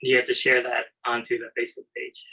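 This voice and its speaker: Bright-voiced man hosting a casual stream. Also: mid-range voice, completely flat delivery, quick pace, husky, muffled recording. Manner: chatty, greets viewers by name. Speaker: live stream host. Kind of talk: casual chat.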